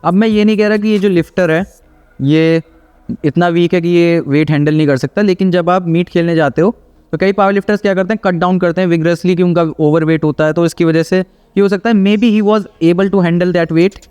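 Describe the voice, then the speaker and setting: High-voiced man explaining gym clips. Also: fairly even intonation, normal speed, a little mellow, clean tone. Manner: explanatory, teasing, often adds "theek hai" as a tag. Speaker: fitness video reactor and host. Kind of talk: casual commentary reacting to gym clips.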